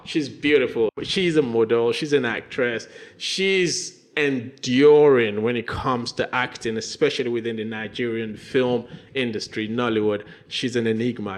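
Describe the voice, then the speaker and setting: A man hosting an interview show, opening with playful, animated hype and bouncy repetition. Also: mid-range voice. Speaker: podcast host. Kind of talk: energetic interview banter.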